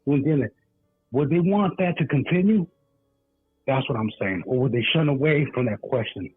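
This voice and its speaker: A man's voice: medium pitch, lively intonation, moderate pace, slightly rough, dry recording, soft background music. A man calling in to a radio talk show, heard muffled as if through a wall, talking in an earnest, preachy way. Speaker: caller. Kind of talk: call-in radio chat. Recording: muffled tinny phone line.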